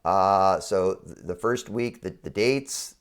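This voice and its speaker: Guy professor walking students thru a screen, kinda low voice, sick w a frog in his throat, bit halting. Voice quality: froggy, congested throat. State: under the weather with a frog in the throat. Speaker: college professor. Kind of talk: explanatory screen-share walkthrough for online students.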